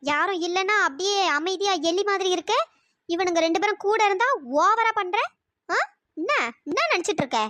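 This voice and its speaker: A woman's voice: moderate pace, a bit bright, no echo. [name], a woman voicing a scheming, taunting young woman. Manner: taunting, bullying. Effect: pitch-raised voice. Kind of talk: cartoon story voice acting.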